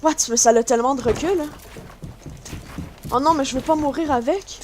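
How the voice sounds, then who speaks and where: A woman with a Quebec French accent giving chatty, excitable commentary on her gameplay to her viewers. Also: high voice, normal speed. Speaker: gaming YouTuber. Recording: noisy home recording.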